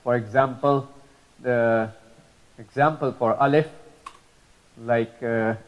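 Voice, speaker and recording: Man, mid-pitched, religious language lesson, patient, repetitive, many fillers, slightly dull recording. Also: steady tone, slow pace. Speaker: teacher of Arabic pronunciation.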